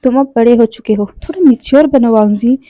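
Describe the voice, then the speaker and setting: A woman's voice: fairly high pitch, fairly quick, mellow, dry recording, close to an everyday voice. A woman voicing a stern, scolding uncle. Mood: firm scolding. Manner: scolding, firm. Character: stern adult man, strict but caring uncle. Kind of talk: storytelling voice acting.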